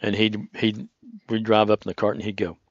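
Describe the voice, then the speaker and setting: A man's voice: fairly low pitch, completely flat delivery, a little fast, no room sound. Male golf commentator, chatty, dull dry recording. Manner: chatty, anecdotal, rambling. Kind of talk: relaxed, conversational golf commentary.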